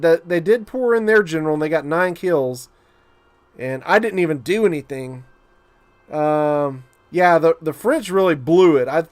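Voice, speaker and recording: A man commentating a strategy game battle for his channel, excitable and incredulous, often stammering and repeating himself. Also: sits high.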